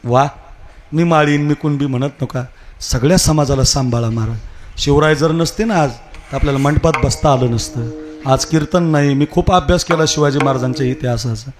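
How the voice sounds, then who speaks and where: A man's voice: mid-range voice, brisk, faint music behind. A man preaching a devotional kirtan sermon in a crowded festival pandal, rousing and commanding the crowd, with call-and-response.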